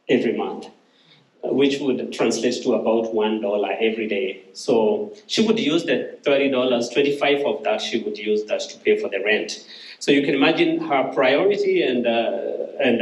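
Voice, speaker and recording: A man, giving an earnest testimony sermon from a church stage, often repeating words as he restarts. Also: medium pitch. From Kenya. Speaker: guest speaker. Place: church stage, large room. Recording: roomy church hall, somewhat distant.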